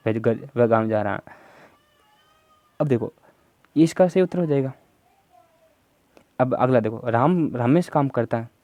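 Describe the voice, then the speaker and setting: With a dark-toned, mid-range voice and a Rajasthani accent, a man teaches Hindi grammar for an exam on a dry recording. He works through the answer options step by step and prompts viewers to respond.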